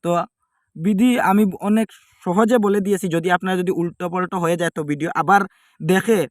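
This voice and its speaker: Recorded close and dry on nothing but a device's built-in mic, with almost no room echo, a man with a fairly high voice talks through a home ritual. He takes it one step at a time, pausing and returning to repeat each instruction.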